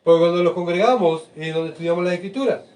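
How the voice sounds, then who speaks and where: A man preaching a sermon, asking rhetorical questions and swinging between soft asides and loud emphatic bursts. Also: sits high, fast talker. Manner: rhetorical questions, keeps asking the congregation "¿verdad?". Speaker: pastor. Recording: voice picked up from far off.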